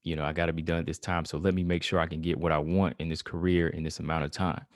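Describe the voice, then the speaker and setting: A man's voice: very deep voice, level tone, quick pace, no room sound. A man hosting a podcast, talking casually with lots of "you know" and "like" fillers, reading quotes aloud and commenting on them. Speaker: podcast host.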